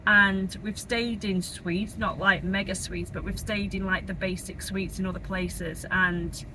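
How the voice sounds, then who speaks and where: Casting: young Northern English woman, casual rambling vlogger, mid-pitched, recorded over clear car and road noise. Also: steady tone, unhurried. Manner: informal, rambling, colloquial. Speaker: travel vlogger. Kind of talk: casual chatty vlog. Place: inside a moving car. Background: car engine and road noise.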